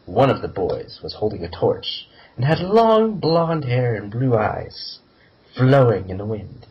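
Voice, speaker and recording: A man's voice: medium pitch, very animated, unhurried. A man narrating a fan story in an amateur group reading, giggling now and then. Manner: giggly, breaks up laughing. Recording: muffled lo-fi with faint hiss.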